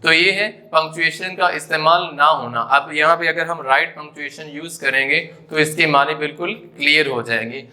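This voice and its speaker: Guy teaching a grammar class, really bright voice, pitch a bit high, keeps repeating stuff. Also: moderate pace, few pauses. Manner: explanatory, mixes English terms into Urdu; repeats points with frequent "जी" and "तो".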